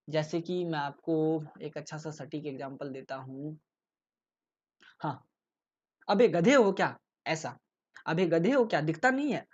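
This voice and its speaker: A man's voice: a little high, dull audio. A man giving a casual exam-prep lecture, explaining with rhetorical questions and frequent check-ins. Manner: explains with rhetorical questions, often adds "ठीक है". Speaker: tutor explaining exam topics.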